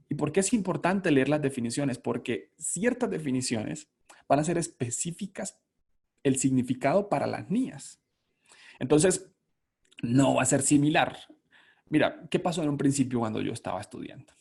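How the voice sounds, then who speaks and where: Man with a gravelly, husky voice lecturing. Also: mid-range voice, a little mellow. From Colombia. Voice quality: emphatic, repeats key words, asks and answers own questions. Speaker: lecturer on auditing standards. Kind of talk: conference lecture.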